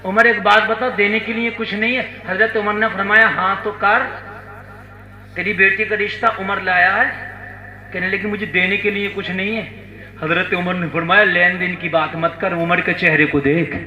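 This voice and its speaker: A male preacher with a very high, piercing, bright voice delivers a storytelling sermon to a conference audience. He swings from quiet narration to full shouts and keeps urging the crowd to call back. The sound rings around an echoey hall. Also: level tone, highs cut off. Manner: dramatic, rising to shouts, coaxing the crowd to respond. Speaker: Islamic preacher. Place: conference stage before a crowd.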